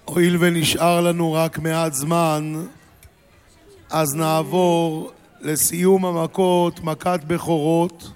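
A high-voiced male preacher tells a story with comic animation, building up to loud outbursts. He preaches to a hall, and every line trails into a long reverb. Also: soft background music. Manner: animated, comic, rising to shouts. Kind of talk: humorous sermon storytelling.

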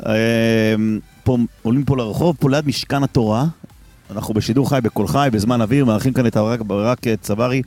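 A man's voice: mid-range voice, steady tone, a little mellow, faint music behind. A man hosting a live radio broadcast from a car, chatty and teasing as he prods his guest. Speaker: radio host reporting live. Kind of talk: casual live street broadcast. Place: in a car driving through city streets.

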